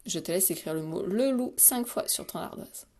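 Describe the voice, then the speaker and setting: A woman teacher giving a spelling dictation to young children, speaking slowly and pronouncing each syllable with care. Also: fairly low pitch, animated, a little mellow. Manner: slow, carefully articulated, patient; repeats words and stresses syllables for spelling. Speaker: primary school teacher.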